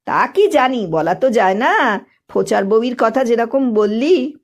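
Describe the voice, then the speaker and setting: A woman voicing a middle-aged village husband who jokes mildly and gently chides his wife. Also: on the high side, expressive, a little slow. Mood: chiding. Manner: mild, joking, gently chiding.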